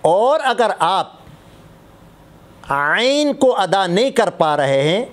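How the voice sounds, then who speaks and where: High-voiced man teaching as a mufti. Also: sing-song. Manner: explanatory, repeats and contrasts example words. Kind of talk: religious lesson on prayer recitation.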